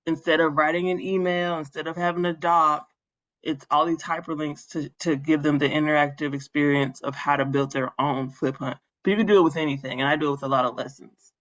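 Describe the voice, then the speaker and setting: A woman's voice: sits low, steady tone, brisk, highs cut off. A woman who works as a school librarian, chatting on a webinar and explaining classroom tools step by step. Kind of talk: casual webinar chat.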